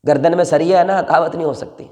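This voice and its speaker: A male preacher, telling a story in an emotional sermon that swings between soft pleading and loud exhortation. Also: on the high side, steady tone. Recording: long reverb in a large hall.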